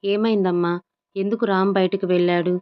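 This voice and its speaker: A woman's voice: medium pitch, fairly even intonation, fairly quick, clean tone, muffled recording, lightly acted. A woman narrator voicing a protective older brother, fond yet scolding. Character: protective older brother, caring but angry.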